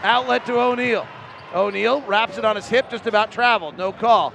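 A man doing live play-by-play for a basketball broadcast, rattling off short clipped calls and rising to shouts on big plays. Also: high-pitched, normal speed, creaky, a little hiss or hum. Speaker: play-by-play commentator.

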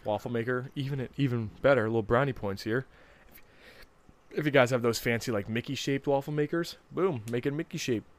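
A man's voice: mid-range voice, fairly quick. Upbeat male podcast co-host, chatty and effusive, lots of fillers. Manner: enthusiastic, filler-heavy with lots of "like". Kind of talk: casual podcast chat. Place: studio.

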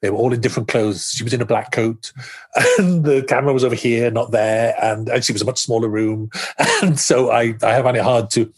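A man's voice: mid-range voice, brisk, husky. A middle-aged man being interviewed as a screenwriter, talking animatedly, often restarting his sentences and acting out his own thoughts. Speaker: screenwriter guest. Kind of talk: podcast interview conversation.

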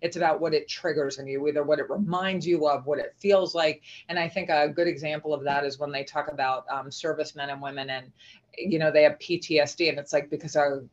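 A woman's voice: deep voice, fairly even intonation, brisk. A middle-aged woman, a podcast guest, talking earnestly and reflectively with many restarts. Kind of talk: casual conversational interview. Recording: dull lo-fi remote audio.

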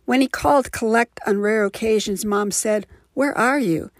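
A woman introducing and reciting her own poem in a measured, heartfelt way. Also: fairly high pitch, dry recording. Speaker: poet. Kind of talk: poetry reading.

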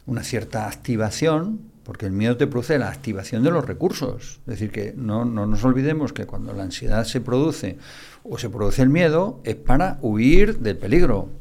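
Older gravelly psychiatrist explaining. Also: male voice, mid-range voice, expressive, moderate pace, a little mellow. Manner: didactic, repeats key words for emphasis. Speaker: psychiatrist guest. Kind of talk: explanatory podcast interview.

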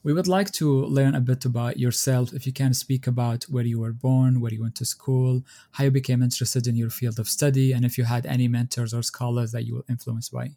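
A man hosts an academic interview podcast, opening with a carefully read introduction of his guest. His voice is mellow and warm, and his delivery is steady and measured. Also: medium pitch. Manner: measured, reads a formal introduction. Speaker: podcast host. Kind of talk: scripted introduction and interview questions.

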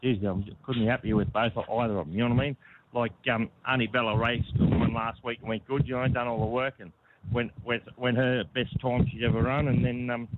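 A man's voice: mid-range voice, little pitch movement, a little fast. Australian male horse trainer, laconic and colloquial, rambling interview answers, thin noisy phone audio. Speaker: harness racing horse trainer being interviewed. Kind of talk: casual interview chat. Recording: tinny phone line with clear noise.

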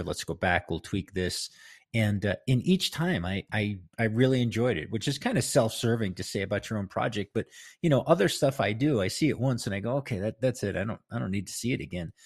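A middle-aged man hosts in an informal, rambling style. His voice is low and husky, worn down from singing, with plenty of gravel in it. The sound is dry and close. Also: no room sound. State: voice strained from singing the night before. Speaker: host of a history show, filmmaker and musician. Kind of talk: casual solo chat to listeners.

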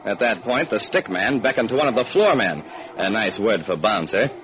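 An American man, voice lowish and expressive at a normal speed, performs hard-boiled first-person detective narration in theatrical old-time radio style. He is the narrator and sole performer of a detective radio series, heard through a noisy old radio recording.

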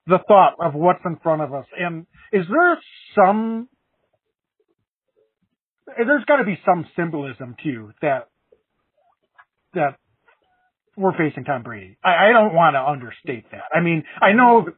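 A man's voice: a little high, sing-song, measured pace, pauses often, husky, no room sound, distant mic. A man co-hosting a sports podcast, earnest and emotional, often restarting his words. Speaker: podcast co-host. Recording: tinny phone-like line from off-mic.

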